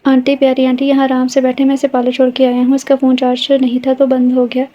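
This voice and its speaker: A teasing young man in an audio novel, read by a woman. He speaks softly with a high, mellow, nearly level voice. The audio is dull and lo-fi. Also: completely flat delivery, fast talker, close to an everyday voice.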